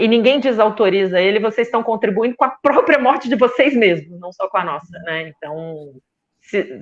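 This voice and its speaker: Woman, 50s, Brazilian accent, passionate panel guest, repeats words for emphasis, somewhat dull audio. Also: on the low side. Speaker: feminist union leader, panel guest. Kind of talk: impassioned panel discussion.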